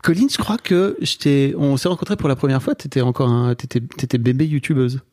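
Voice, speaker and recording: A man from northern France hosts a podcast in a relaxed, teasing manner, rambling through his questions. His voice is mid-pitched and warm, never sharp. Close microphone in a dry room. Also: brisk, dry recording. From Nord, northern France. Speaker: podcast host. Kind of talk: casual podcast interview.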